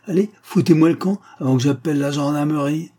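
A man voicing a gruff, indignant older male beet farmer who bellows at intruders. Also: a little high, fast, mellow, pitched above the performer's own voice, lightly acted. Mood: furious.

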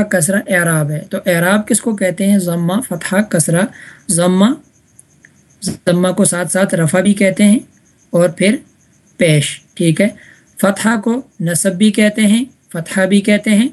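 A woman's voice: on the low side, fairly even intonation, darkish tone. A woman teaching an Arabic grammar class online, patiently repeating examples and checking that students follow. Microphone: online voice chat room.

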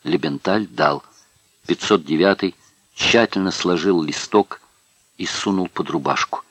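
Male narrator for an audiobook, very deep voice, measured delivery, dry close sound. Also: a bit bright, breathy edge, no echo.

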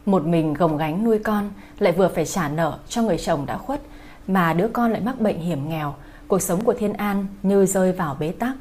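A woman's voice: on the low side, fairly quick, a little mellow. A woman host giving a polite, formal scripted introduction to an audiobook for her listeners. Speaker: channel host.

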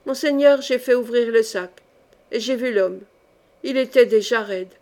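A woman's voice: fairly high pitch, measured pace, dark tone. A woman reading the part of a flustered guard captain reporting to his duke, in an audiobook.

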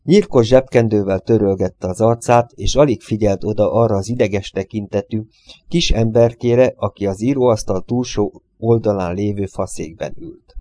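A man narrating an audiobook in a steady, measured way. His voice is low and mellow, and the recording is dry and close, with no room sound. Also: no room sound.

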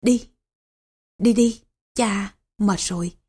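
Frail dying old man, read by a woman, stammering, slow, husky thin voice. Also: medium pitch, darkish tone. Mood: frail, faltering. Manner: stammering, faltering weak speech.

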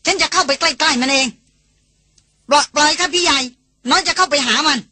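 A woman's voice: high voice, fairly quick, bright, forceful tone, no room sound, voice pushed up. A woman voicing a brave young heroine, pleading. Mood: determined. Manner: urgent, pleading, raised voice.

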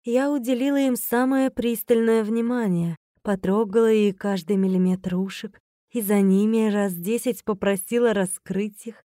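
A woman reads a first-person novel aloud with a playful, teasing lilt. Her voice is mellow and soft-edged. The recording is close and dry, with no room around it. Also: mid-range voice, fairly even intonation, normal speed, dry recording. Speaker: audiobook narrator.

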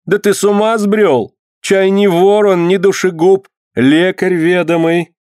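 A man voicing a frightened but defiant peasant wife who protests loudly. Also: steady tone, unhurried, no echo, clean studio sound. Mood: alarmed, defiant. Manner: shrill, protesting.

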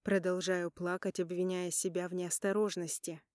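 Female audiobook narrator, first person, emotional and dramatic, mellow voice, dry close sound. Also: on the low side, level tone, moderate pace, no room sound.

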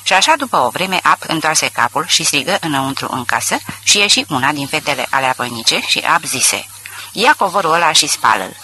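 A male narrator reads a literary story aloud with expressive storytelling. His voice is strikingly bright and sits a little high, with wide, animated pitch movement. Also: hardly any pauses, poor audio. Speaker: audiobook narrator. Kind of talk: literary audiobook reading.

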